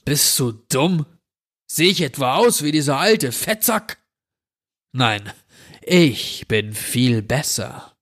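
Man voicing a drawling creepy stranger, slow, menacing, mid-pitched, horror storybook. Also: very animated, fairly bright tone, exaggerated voice. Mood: mocking. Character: menacing drawling male intruder who grants wishes.

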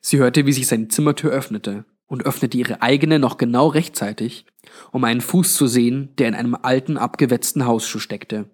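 A man reading a suspense story aloud in a measured storytelling manner. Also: medium pitch, a little mellow. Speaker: audiobook narrator. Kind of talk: scripted narration.

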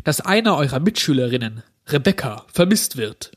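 A man's voice: medium pitch, big pitch swings, normal speed. A man voicing a school vice principal who makes a formal announcement to students.

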